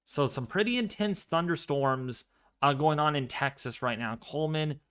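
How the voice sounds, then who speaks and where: Speaking at a normal speed with a voice on the high side, this livestream weather host talks quietly but clearly. He stays calm and rather monotone as he covers severe weather and chats with his viewers.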